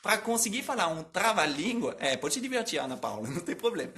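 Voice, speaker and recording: Lively French man teaching tongue twisters. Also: high-pitched, fast talker. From France. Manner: exaggerated articulation, drills tongue twisters; reads and answers viewers' comments. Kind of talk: live-streamed language lesson.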